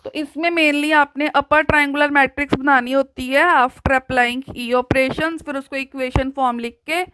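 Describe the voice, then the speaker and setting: Slow, high-voiced woman teaching math. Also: fairly even intonation, bright, forceful tone, slight background noise, low-quality recording. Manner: slow, deliberate dictation of working. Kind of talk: step-by-step math lesson.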